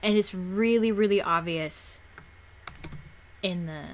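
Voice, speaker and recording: A woman talks through a software tutorial in a loose, rambling way, often stopping to restart or repeat herself. Her pitch sits in an ordinary middle range. A faint hiss of noise runs under the recording. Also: slow pace. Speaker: tutorial maker. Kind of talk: casual screen-recorded tutorial.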